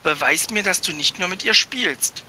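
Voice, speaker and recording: A man's voice: sits high, expressive, pushed and bright, a little hiss or hum, heavily acted. A man voicing a cool, commanding mother who runs an orphanage, in a read-aloud fantasy story. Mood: cold. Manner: cool, measured, stern.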